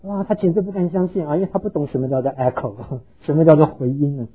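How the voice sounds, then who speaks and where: A male pastor preaching an earnest sermon to his congregation, telling stories and pausing on hesitant fillers. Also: on the high side, fairly even intonation, slightly rough, narrow, tinny audio.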